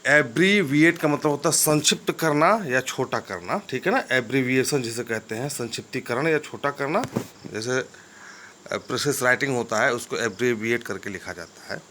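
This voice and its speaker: A man's voice: mid-range voice, normal speed, sharp tone, slight background noise. A man teaching English vocabulary, spelling each word letter by letter and checking in with his listeners again and again. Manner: spells words letter by letter, often asks "ठीक है ना?". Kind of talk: vocabulary lesson.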